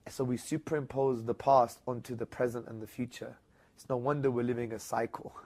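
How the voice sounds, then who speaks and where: A man being interviewed, telling a story in a lively conversational way. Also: fairly quick. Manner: animated, rising high when retelling others' words. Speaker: interview guest.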